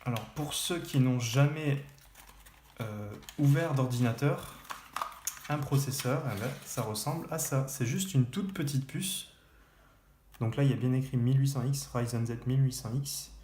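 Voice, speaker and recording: A man's voice: medium pitch, normal speed, a little mellow. Hesitant man in an echoey room. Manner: hesitant, many fillers and restarts. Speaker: tech youtuber. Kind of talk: casual unboxing vlog. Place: room at his desk. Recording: echoey room, faint background noise.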